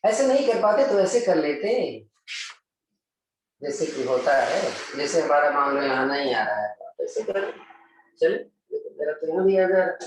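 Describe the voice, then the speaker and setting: A man's voice: a little high, very animated, moderate pace, a little hiss or hum. A man teaching a yoga class, talking students through each pose step by step. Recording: very echoey room, mic at a distance.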